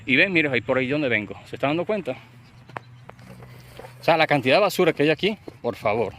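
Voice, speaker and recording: A man's voice: a little high, expressive, quick pace, fairly bright tone. A man with a Venezuelan llanero accent, vlogging as he walks outdoors and talks to viewers through his phone mic, rambling with restarts, sweating in the heat. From Portuguesa state, Venezuela. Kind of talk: walking vlog, casual chat. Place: outdoors on overgrown urban lots and streets. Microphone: phone mic, handheld. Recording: noisy outdoor phone recording.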